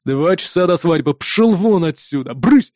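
Reader doing a gruff bossy cop. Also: mid-range voice, lively intonation, a little slow, a little mellow, dry recording, clean studio sound, natural voice. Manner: bossy, curt. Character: gruff blunt male police colleague.

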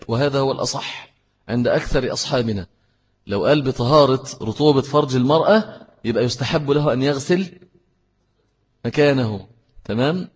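A man with an Egyptian Arabic accent gives a religious lesson, his voice very breathy and airy. He explains step by step and repeats key phrases for emphasis. The sound carries a long reverb, as if recorded in a large hall. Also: medium pitch, darkish tone. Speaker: Islamic teacher. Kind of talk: religious lesson with answers to questions.

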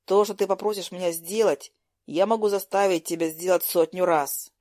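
A woman voicing a cocky, teasing teenage boy who talks low and sly. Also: steady tone, moderate pace, darkish tone, dry recording, studio quality, natural voice. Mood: sly, defensive.

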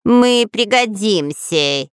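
A woman's voice: medium pitch, lively intonation, drawn-out words, smooth, no room sound, clean studio sound, pitched above the performer's own voice. A woman voicing a sneaky pirate spy with a nasal voice, whining and pleading.

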